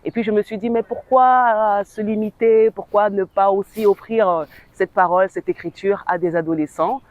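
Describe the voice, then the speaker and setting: A woman from French Guiana, an author and actress, telling her story in an interview in a reflective, animated way. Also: medium pitch, normal speed, dry recording, highs cut off. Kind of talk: interview testimonial.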